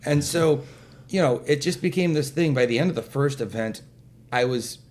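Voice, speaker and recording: A man's voice: mid-range voice, moderate pace, darkish tone. A man telling a long story in casual chat, jokey and self-deprecating, acting out quotes. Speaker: event organizer guest.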